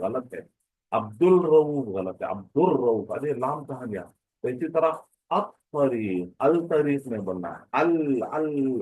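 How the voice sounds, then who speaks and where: A man's voice: medium pitch, a little mellow, slightly rough, no echo, poor audio. A man teaching an online grammar class, explaining patiently, repeating points and asking rhetorical questions.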